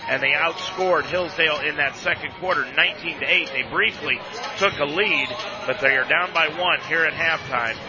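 Male sports broadcaster, slightly high voice. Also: normal speed, highs cut off. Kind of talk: live basketball halftime commentary.

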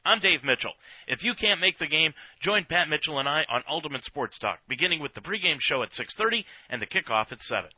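Breathy at the edges and fairly high in pitch, an American sportscaster gives play-by-play on a football radio broadcast at a brisk, animated clip. The broadcast sound is slightly dull.

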